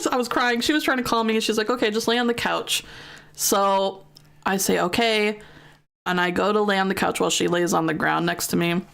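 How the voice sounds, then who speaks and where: Young american gal streaming, rambling through a spooky story, lots of likes and ums. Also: female voice, mid-range voice, creaky, fairly bright tone. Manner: chatty, many fillers and swearing. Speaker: gaming streamer. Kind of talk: casual storytelling while streaming.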